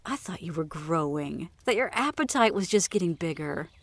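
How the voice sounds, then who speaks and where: Tender caring mom, voice swoops up and down a lot, audio drama. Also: female voice, a little high, big pitch swings, measured pace, full character voice. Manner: warm and tender. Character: gentle, caring mother of a young girl. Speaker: mother.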